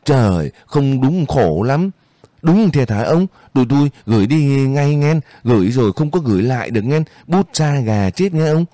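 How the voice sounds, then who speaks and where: A man's voice: mid-range voice, very animated, moderate pace, mellow, no room sound, pitched above the performer's own voice, close to an everyday voice. A man voicing a sly, mocking male military advisor who taunts and wheedles his captive. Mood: taunting.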